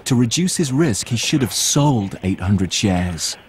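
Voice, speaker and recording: A man giving measured, matter-of-fact scripted documentary narration. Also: on the low side, lively intonation, noisy background. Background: music.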